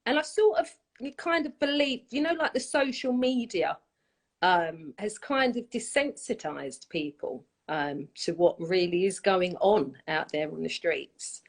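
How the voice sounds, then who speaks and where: A woman's voice: on the low side, a little slow. A woman from London with a London accent, hosting a casual interview, effusive and repeating herself. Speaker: host.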